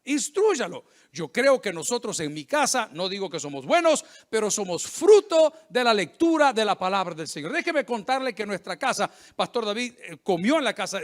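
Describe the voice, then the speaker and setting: A middle-aged man, a pastor preaching a sermon, joking and animated, acting out the voices of people he quotes. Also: high-pitched, normal speed, hardly any pauses.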